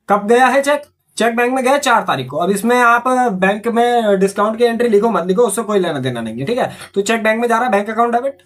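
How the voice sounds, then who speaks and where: He has a high, slightly bright voice as he teaches accountancy, taking journal entries one step at a time. Along the way he poses questions and answers them himself, repeating points and dropping "theek hai" often.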